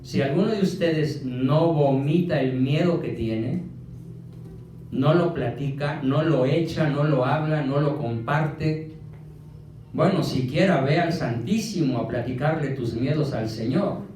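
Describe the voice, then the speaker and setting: Mexican guy giving a lecture, kinda high voice, lots of questions, big echo from far off. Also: measured pace, darkish tone, a little hiss or hum. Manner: emphatic, fires rhetorical questions. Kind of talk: motivational lecture to an audience. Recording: echoey room from a distant mic.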